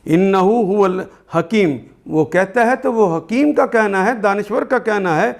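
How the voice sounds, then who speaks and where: An older man with a Pakistani Urdu accent, teaching a Quran translation lesson, explaining each word slowly and repeating terms. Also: sits high, animated, creaky.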